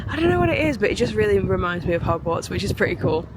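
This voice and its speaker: A woman's voice: mid-range voice, sing-song, fast talker. A woman chatting casually to a handheld camera as a travel vlogger, upbeat and rambling. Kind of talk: casual vlog chat. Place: outdoors in a city street and a small hotel bathroom. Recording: noisy outdoor street recording.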